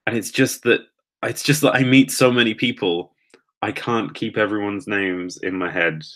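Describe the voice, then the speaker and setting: A man's voice: on the low side, normal speed, fairly bright tone. A man streaming live for the first time, chatting casually with viewers in a nervous, rambling, self-deprecating way. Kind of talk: casual chat reading live comments.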